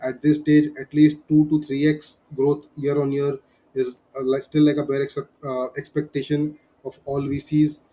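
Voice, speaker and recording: A man's voice: fairly high pitch, level tone, moderate pace, mellow, poor audio. Indian-accented man explaining, evenly and emphatically. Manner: emphatic, repeats key points. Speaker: business advisor teaching startup fundraising. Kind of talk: explanatory lesson.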